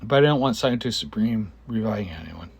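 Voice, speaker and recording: A man giving casual gameplay commentary, halting and thinking aloud, with a cough and frequent throat clearing. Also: on the low side, animated. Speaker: gamer narrating own gameplay video.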